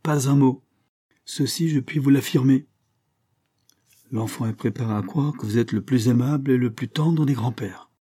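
Brief: a man doing an elderly English solicitor, dry and cutting, measured replies, mellow husky tone. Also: mid-range voice, no room sound, close to an everyday voice. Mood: cool. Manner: curt, cold and measured. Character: dry, cutting old English family lawyer.

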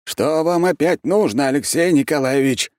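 A grumpy old archmage, voiced by a male reader sneers and scoffs at every question. The voice is pushed far higher than the narrator's own low tone and swings widely in pitch. The audiobook recording is dry and close. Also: lively intonation, moderate pace, mellow, no room sound, lightly acted. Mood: haughty, irritable. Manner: haughty, dismissive, panicky when caught out.

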